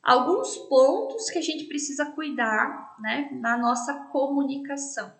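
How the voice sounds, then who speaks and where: High, gravelly Brazilian woman teaching. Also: measured pace, echoey room. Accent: Brazilian Portuguese, Paraná. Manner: explanatory, frequent tag questions "né?". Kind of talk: recorded online class lecture.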